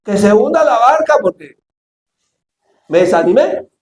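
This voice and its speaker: A man preaching a sermon as pastor, acting out Bible scenes and shouting for emphasis. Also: very high-pitched, sing-song, unhurried. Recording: echoey church hall, faint ambience.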